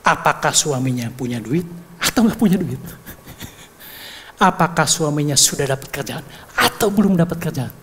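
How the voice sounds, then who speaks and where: A woman preaching a sermon in a playful, conversational way, full of rhetorical questions and quick "ya" check-ins to the congregation. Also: medium pitch, slightly rough. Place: church hall. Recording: long hall reverb.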